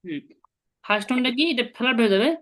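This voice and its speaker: A woman with a slightly high, fairly bright voice races through a language lesson, yet stays patient. She explains step by step and asks the learner to repeat.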